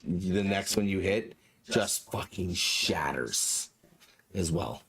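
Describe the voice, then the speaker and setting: A man's voice: deep voice, slow pace, a crowd in the background. A man running a tabletop game as dungeon master, narrating in a casual, stop-start way with frequent swearing.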